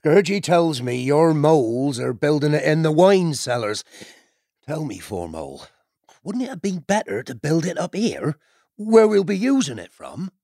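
A man voicing a gruff, kindly male otter chieftain who talks in a folksy, homely way. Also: fairly high pitch, big pitch swings, moderate pace, warm tone, dry recording, clean studio sound, pitched above the performer's own voice, exaggerated voice. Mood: steady. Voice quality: folksy and homely, dropping his g's.

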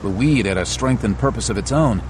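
A man narrating a scripted adventure audiobook in a measured, dramatic storytelling manner. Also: fairly low pitch, background noise.

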